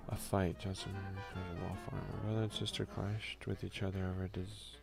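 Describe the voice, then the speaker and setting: Over background music, the man hosting this informal ASMR let's play reads game text aloud and mutters slangy asides. He speaks at a normal speed, his low, gravelly voice delivered flatly.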